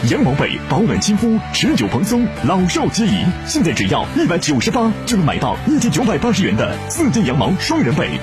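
A man reads an infomercial in a promotional, emphatic manner. His voice sits high and swings widely in pitch. A faint music bed runs behind this radio sales pitch. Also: wildly swooping pitch, brisk, few pauses. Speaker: commercial announcer.

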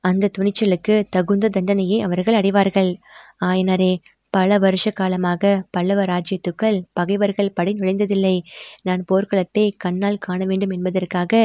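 A woman's voice: mid-range voice, warm tone, no echo, clean studio sound, natural voice. A woman reading as a stately emperor. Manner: formal, measured royal speech. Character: stately middle-aged male emperor, gracious and resolute.

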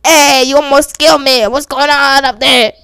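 A woman's voice: sits high, fairly even intonation, moderate pace, sharp tone, no echo, studio quality, voice pushed up. A woman voicing a startled, indignant young man in a goofy cartoonish tone.

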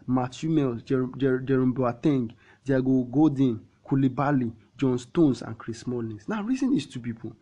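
A man with a Nigerian accent hosting a football talk show in casual Pidgin, animated, repeating himself and throwing out rhetorical questions. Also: mid-range voice. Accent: Nigerian, speaking Pidgin.

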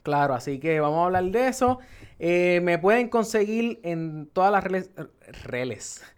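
A man hosting a podcast in casual chat. He talks in an animated, rambling way and laughs often. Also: high voice, normal speed, smooth. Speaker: podcast host.

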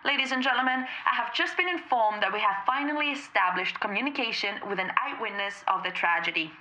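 An actress playing a formal, measured female radio announcer linking emergency broadcasts in a radio drama. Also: fairly high pitch, animated, bright, forceful tone, slight background noise, rough recording. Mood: formal, urgent.

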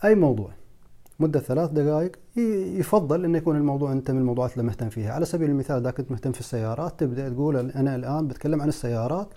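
A man's voice: fairly high pitch, racing, dark tone. A young man, coaching on public speaking in a casual video lesson and repeating points for emphasis. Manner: repetitive, emphatic, mixes in English terms.

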